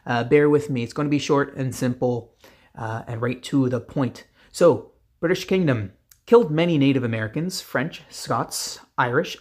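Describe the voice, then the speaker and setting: A man's voice: mid-range voice, a little mellow. A male podcast host talks on his own show in a mid-range voice. His delivery is loose and rambling, full of fillers and restarts. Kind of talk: casual solo podcast monologue. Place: Canada.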